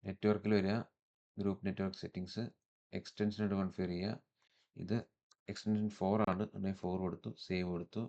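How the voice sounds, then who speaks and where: A man with a Malayali accent walks through a software tutorial step by step, mixing in English technical terms as he instructs. His low voice stays level and moves fast, broken by long pauses, and the recording is muffled.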